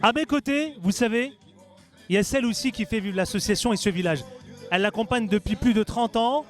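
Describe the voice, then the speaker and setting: High-pitched male television reporter. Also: fairly quick. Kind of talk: on-location presenting and interviewing. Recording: faint music behind.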